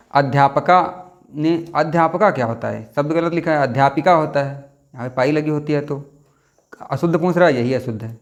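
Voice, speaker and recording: A young man teaching a spelling lesson for an exam, thinking out loud, repeating words and correcting himself, and stretching words out slowly as he spells them. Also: mid-range voice.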